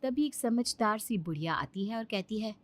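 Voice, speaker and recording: Expressive woman narrating a cartoon story. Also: medium pitch, moderate pace. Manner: expressive, animated.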